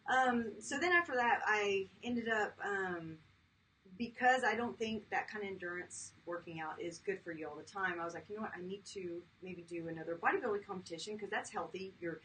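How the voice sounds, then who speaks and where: A woman's voice: medium pitch, fairly quick, a bit bright. A woman in her fifties, a chiropractor, talking casually as an interview guest with lots of fillers. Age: 50s. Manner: chatty, laughs easily, many fillers. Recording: distant mic with faint background noise.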